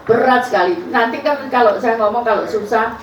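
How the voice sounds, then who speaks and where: East Javanese woman candidate, high-ish voice, laughs often through stories; distant mic, roomy echo, noisy background. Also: a little fast. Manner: chatty storytelling with frequent laughs. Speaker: political candidate. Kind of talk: informal campaign speech. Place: community event space. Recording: echoey, distant, noisy room.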